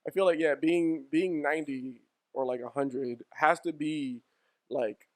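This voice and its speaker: A man's voice: on the high side, fairly even intonation, unhurried, dry recording. A man in his thirties co-hosting a podcast in casual chat, joking and slangy and laughing often. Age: 30s. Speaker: podcast co-host.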